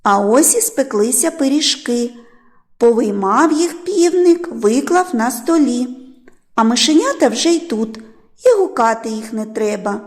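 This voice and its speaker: A woman teacher tells a fairy tale to small children. Her voice is high and very lively in pitch. She speaks slowly, in a gentle, coaxing sing-song. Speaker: preschool teacher.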